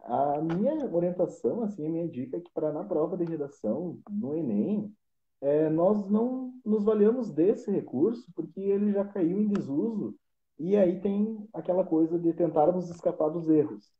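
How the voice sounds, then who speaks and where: A man's voice: on the high side, lively intonation, moderate pace. A man, a Portuguese teacher patiently explaining grammar rules step by step with examples in a casual lesson. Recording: roomy, dull lo-fi live stream audio.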